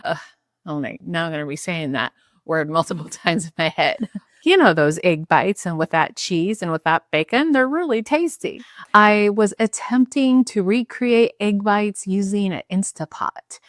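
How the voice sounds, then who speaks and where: A woman's voice: mid-range voice, lively intonation, moderate pace, no room sound, studio quality. A woman chatting her way through a cooking tutorial at home, laughing at herself as she carefully goes through each measurement. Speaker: home cook showing a recipe. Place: home kitchen.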